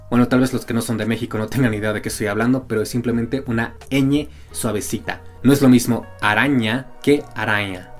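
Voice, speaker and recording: A man narrating a scripted language lesson, slowly sounding out letters and example words. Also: mid-range voice, a little mellow. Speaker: language teacher on a video channel.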